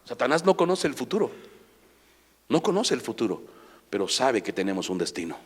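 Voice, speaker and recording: A man's voice: mid-range voice, sing-song, a little fast, slightly rough. A man with a Mexican Spanish accent preaching a sermon as pastor, impassioned and full of rhetorical questions. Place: church sanctuary. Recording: long church hall reverb.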